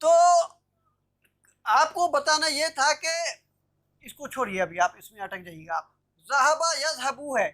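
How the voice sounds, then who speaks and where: High-voiced woman teaching an online class. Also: animated, unhurried, long pauses, sharp tone. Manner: explanatory, checks understanding with "theek hai na". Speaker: Arabic grammar teacher. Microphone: video call.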